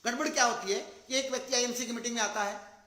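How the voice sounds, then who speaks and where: A man giving a motivational talk, telling a story dramatically and acting out its shouting characters, swinging between loud and soft. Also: extremely high pitch, fairly even intonation, fast, echoey room. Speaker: motivational speaker for a business network. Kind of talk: motivational talk with acted anecdotes.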